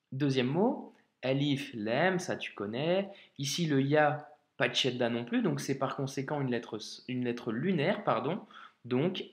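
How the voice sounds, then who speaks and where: Male tutor, unhurried and patient, friendly direct address, spells each letter, roomy echo. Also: fairly high pitch. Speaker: Arabic reading teacher. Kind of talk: slow step-by-step reading lesson.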